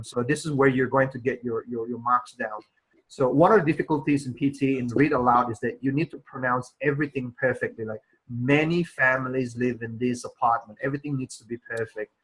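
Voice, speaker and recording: A man's voice: medium pitch, a bit bright, husky, poor audio. A man teaching an English test prep class over a video call, explaining at length with frequent fillers. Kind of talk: online class instruction.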